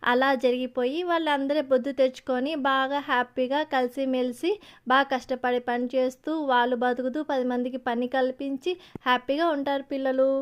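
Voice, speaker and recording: A woman's voice: high-pitched, steady tone, moderate pace, smooth. A woman telling a children's story in a chatty, casual way, with lots of fillers.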